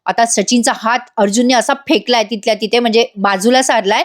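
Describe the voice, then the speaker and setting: A woman's voice: on the high side, steady tone, brisk. A woman narrating a voice-over recap of a TV serial, chatting directly to her viewers.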